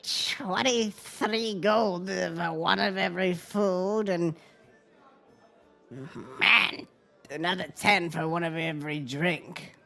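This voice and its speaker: A man voicing an obnoxious kobold tavern keeper in squeaky, yappy lizard chatter through a voice changer, in a tabletop game. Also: takes it slowly, creaky, pushed and bright, soft background music, exaggerated voice. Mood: curt, impatient. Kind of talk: tabletop role-play character.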